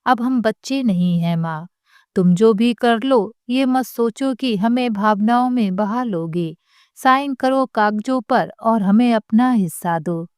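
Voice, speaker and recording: A woman's voice: a little high, slow pace, smooth, no echo, clean studio sound. A woman voicing a bitter young daughter-in-law who talks in an angry, scornful way. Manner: shouting, scornful.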